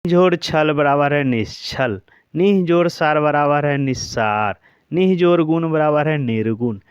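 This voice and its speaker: A man's voice: on the high side, a little slow, clear, resonant tone, dry recording, highs cut off. Man drilling grammar examples, raised voice. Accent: Bihari Hindi. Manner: repeats examples in a steady drill, checking in with the class. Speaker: teacher. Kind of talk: exam-prep grammar lesson.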